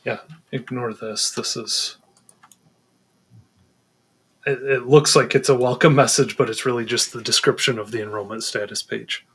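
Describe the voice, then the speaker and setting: A man's voice: mid-range voice, fairly even intonation, moderate pace, long pauses, a bit bright, slightly rough. A man co-hosting a live Q&A, walking through settings on screen with frequent ums and second-guessing. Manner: hesitant, many ums, second-guessing himself. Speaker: co-host answering questions.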